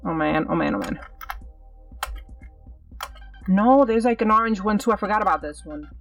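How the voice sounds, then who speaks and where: A woman's voice: mid-range voice, normal speed, gravelly, a bit bright, recorded from a distance, soft background music. A woman hosting her gaming channel, giving live gameplay commentary with nervous, self-coaching chatter.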